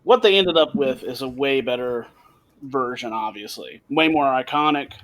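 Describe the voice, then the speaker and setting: A man co-hosting a podcast chats casually and animatedly over a remote call, laughing often and restarting his sentences. His voice is mid-range with a fairly bright tone, at normal speed.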